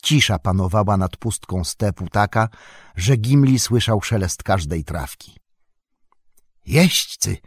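A man narrating a fantasy audiobook in an even, unhurried storytelling manner. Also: lowish voice, husky, no echo, studio quality.

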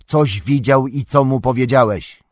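A stern, commanding old wizard, as a man reading the story puts him on. He speaks low and slowly, with hard, forceful bursts. The sound is dry and close, with no room around it. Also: very animated, breathy edge, no room sound, exaggerated voice.

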